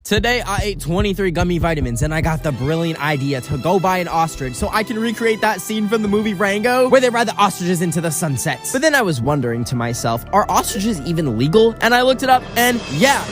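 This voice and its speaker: High-voiced man telling comic stories. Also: brisk, hardly any pauses. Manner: animated, jumps to shouting outbursts. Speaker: comedic TikTok storyteller. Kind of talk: comedic storytelling monologue. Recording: music playing behind the voice.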